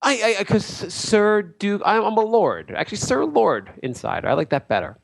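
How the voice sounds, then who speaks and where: A man voicing a pompous self-styled male lord and sports insider in an improvised comedy bit, rambling through a grandiose sales pitch. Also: sing-song, moderate pace, vocal fry, exaggerated voice.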